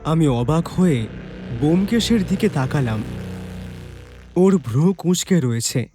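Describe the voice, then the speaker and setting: A man narrating a detective audio story in the first person, telling it in a lively storyteller's way, with faint music behind. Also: fairly high pitch, measured pace.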